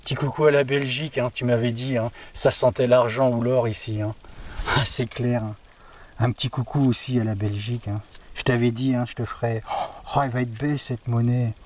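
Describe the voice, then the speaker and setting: Speaking at medium pitch, a man narrates his metal detecting to camera near a castle's woods. He's excitable and talkative, addressing viewers, exclaiming happily and sprinkling in "hein" and other fillers. The outdoor mic is distant, with a little noise.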